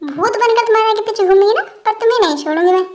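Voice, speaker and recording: A woman voicing a bubbly, bossy young female college student who talks loudly and teases playfully. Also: very high-pitched, very fast, pitched above the performer's own voice. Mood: teasing. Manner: teasing, loud, playful.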